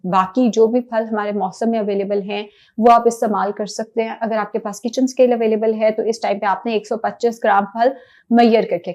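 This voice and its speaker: A woman's voice: fairly high pitch, a little mellow, lo-fi sound. A woman giving plain, step-by-step diet instructions, with English words mixed in. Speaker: diet planner.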